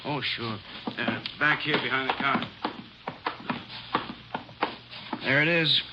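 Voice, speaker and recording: An actor playing a fretful, chatty middle-aged pawnbroker, complaining in an exasperated, rambling way, in 1950s radio drama style. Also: male voice, medium pitch, moderate pace, heavy background noise, close to an everyday voice. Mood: obliging. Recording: muffled vintage radio broadcast.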